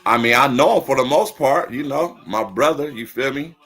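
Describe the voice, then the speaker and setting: A man's voice: medium pitch, moderate pace, a bit bright, slightly rough. A man in his forties chatting casually on a live stream, telling stories in a laid-back, slangy way. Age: 40s.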